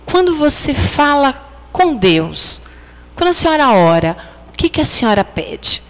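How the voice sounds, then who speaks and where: A woman playing a curious male reporter, higher voice. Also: big pitch swings, a little slow, big-room sound, exaggerated voice.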